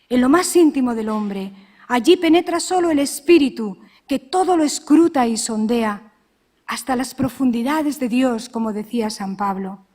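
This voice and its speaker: Woman, religious sister, high voice, measured and earnest, reflective spiritual talk. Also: dark tone. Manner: measured, earnest, with rhetorical questions.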